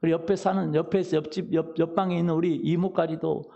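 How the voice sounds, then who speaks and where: Middle-aged korean-church pastor guy, high voice, lots of fry, jokey sermon asking the crowd questions. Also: flat delivery, a little fast, mellow. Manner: humorous storytelling, asks the congregation questions. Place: church sanctuary.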